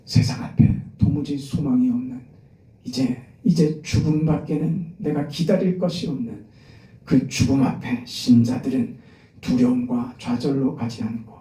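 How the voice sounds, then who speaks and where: A male pastor preaching a sermon with passion, dropping to a hush and then rising to a loud, urgent voice, recorded in a church. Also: medium pitch, animated, measured pace. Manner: impassioned preaching, swings from hushed to loud. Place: church sanctuary. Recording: echoey church from a distance.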